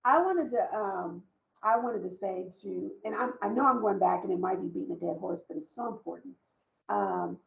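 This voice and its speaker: A woman's voice: medium pitch, gravelly, echoey room, lo-fi sound. A woman speaking on a panel about workplace belonging, telling stories in an earnest, emphatic way and repeating her points, over a video call. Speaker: panelist, diversity and inclusion leader. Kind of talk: conversational panel discussion.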